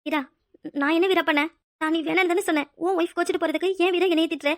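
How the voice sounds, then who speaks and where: A woman's voice: very high voice, fairly even intonation, rapid-fire, fairly bright tone, no room sound, clean studio sound. A woman voicing a heartbroken, abandoned pregnant young woman in a cartoon drama. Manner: pleading, tearful. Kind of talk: cartoon voice acting.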